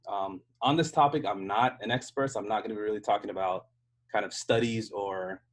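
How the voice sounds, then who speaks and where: On an online call from a hotel room, an American software engineer from the United States speaks casually as a panel speaker. His lowish voice moves briskly as he explains things conversationally, restarting sentences and checking in with "right?".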